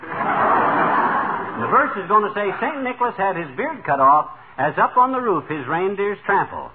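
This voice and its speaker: An actor playing a boastful, stubborn, folksy husband in a blustering, slangy 1940s radio comedy style. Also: male voice, high voice, sing-song, unhurried. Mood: eager, proud. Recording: tinny vintage radio broadcast.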